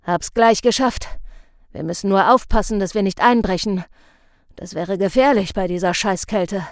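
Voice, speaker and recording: A woman voicing a gruff, stubborn bearded male professor who grumbles and lectures. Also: medium pitch, moderate pace, dry recording, clean studio sound, natural voice. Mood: lecturing. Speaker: field researcher.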